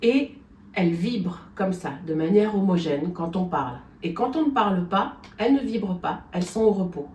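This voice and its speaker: A woman's voice: mid-range voice, expressive, moderate pace, a little mellow, recorded from a distance. Woman vocal coach in an echoey room. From France. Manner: explains step by step, checks in with "d'accord?". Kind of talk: singing lesson.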